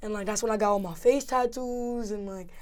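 A woman's voice: mid-range voice, a little fast, darkish tone. A young woman with a New York accent, a rapper talking casually as an interview guest, laid-back and full of slang, often asking "feel me?".

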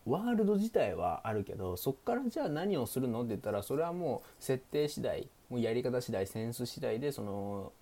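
A man's voice: mid-range voice, sing-song, brisk, few pauses, mellow. A man hosting a casual solo stream, thinking aloud and searching for his words as he goes. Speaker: streamer, show host. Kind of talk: casual solo radio chat. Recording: faint background hiss.

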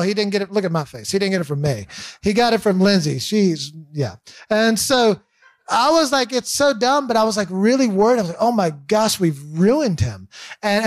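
A man in his thirties telling a personal faith story as a pastor, candid and halting, with frequent restarts and fillers. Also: high voice, no room sound, studio quality.

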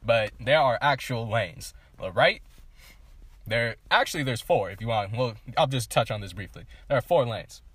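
A man co-hosting a casual podcast, explaining his points in a relaxed, lecturing way. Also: medium pitch, normal speed, husky, no echo. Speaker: podcast co-host.

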